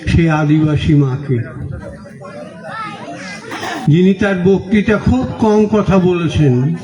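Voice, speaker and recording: Unhurried Bengali monk preaching. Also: male voice, high voice, a crowd in the background. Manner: asks the audience questions and answers them; unhurried storytelling with gentle humor. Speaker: monk giving a religious talk. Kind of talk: sermon. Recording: echoey, dull lo-fi recording.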